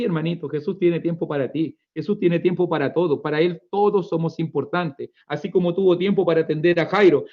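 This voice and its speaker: A man in his thirties from Chile preaching a fervent sermon as pastor, swinging between quiet storytelling and loud emotional climaxes. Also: high voice. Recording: dull lo-fi recording.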